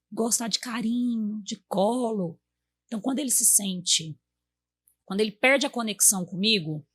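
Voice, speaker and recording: A woman's voice: mid-range voice, husky. A woman in her thirties with a Brazilian Portuguese accent, a guest in a casual chat, telling stories about her children and acting out what she said to them. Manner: warm storytelling, acts out quotes to her kids.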